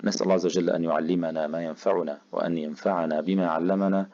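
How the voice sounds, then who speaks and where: A man with an Egyptian accent teaching Quranic letter pronunciation, slowly and deliberately demonstrating each sound. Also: sits low, flat delivery, darkish tone. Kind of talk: tajweed pronunciation lesson. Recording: dull lo-fi recording.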